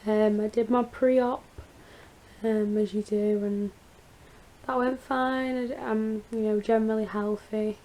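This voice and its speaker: A woman with a croaky, creaky voice after surgery, chatting casually in a rambling, confiding personal vlog update. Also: a little high, fairly even intonation, measured pace, mellow. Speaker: vlogger.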